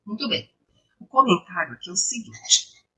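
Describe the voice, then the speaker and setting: A woman from Brazil teaching English online, mixing in Bible reflections, explaining patiently and asking her class rhetorical questions, her voice a little hoarse. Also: medium pitch, sing-song, moderate pace, pushed and bright, low-quality recording. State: slightly hoarse, coughing. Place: home, live stream.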